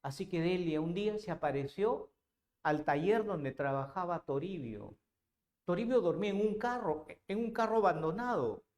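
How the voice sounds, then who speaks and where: A male literature teacher, retelling a story expressively with dramatic pauses and rhetorical questions. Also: sits high, animated, darkish tone, echoey room.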